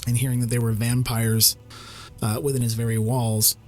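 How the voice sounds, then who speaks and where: A man's voice: mid-range voice, little pitch movement, moderate pace, darkish tone, soft background music. A man speaking in character in a tabletop game, hesitant and full of fillers. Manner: hesitant, with many ums. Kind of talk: in-character tabletop role-play.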